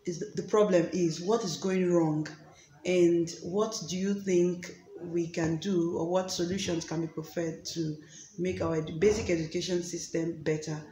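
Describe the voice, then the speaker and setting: Speaking warmly at normal speed, a woman from Nigeria hosts her own channel and chats casually, stumbling through fillers and restarts. Her voice is lowish and fairly even in intonation, captured in an echoey space with faint background noise.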